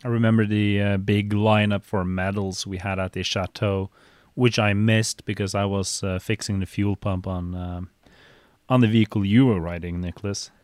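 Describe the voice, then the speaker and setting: A man co-hosting a podcast, chipping in with a quick recollection. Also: lowish voice, fairly even intonation, darkish tone, dry recording. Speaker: podcast co-host. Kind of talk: casual podcast chat.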